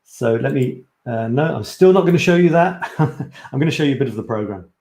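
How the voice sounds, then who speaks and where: A man's voice: mid-range voice, animated, a little fast, darkish tone, reverberant. A man from Scotland, a photography coach, presenting his course on a live stream in an eager, chatty way, often correcting himself mid-sentence. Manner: enthusiastic, chatty, self-correcting.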